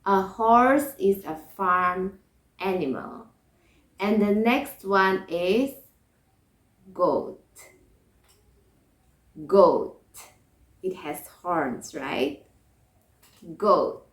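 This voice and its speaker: A woman's voice: mid-range voice, drawn-out words, pauses often. A woman teaching an English lesson to children, patiently repeating each word and checking in with "okay?" and "right?". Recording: echoey room.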